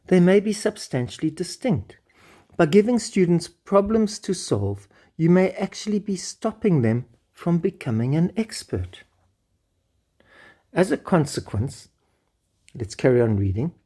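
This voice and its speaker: Brief: male lecturer, dark mellow tone, reading a paper aloud with keen exclamations. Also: on the high side, husky. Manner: enthusiastic, exclamatory asides. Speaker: education lecturer. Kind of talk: reading and commenting on a research paper.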